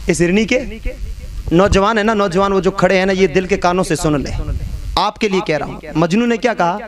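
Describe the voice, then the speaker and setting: Guy preaching, super high voice, fiery, keeps repeating stuff and yelling questions. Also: a little fast. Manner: fervent, rhetorical questions, repeated phrases, swelling to shouts. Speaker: Islamic preacher. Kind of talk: impassioned Urdu-Hindi sermon.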